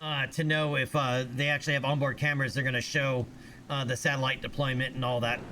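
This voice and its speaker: A man's voice: mid-range voice, little pitch movement, quick pace, sharp tone, slight background noise. A man streaming a game and chatting casually, explaining at length with lots of fillers. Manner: rambling explainer, many fillers. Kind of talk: casual live-stream chat.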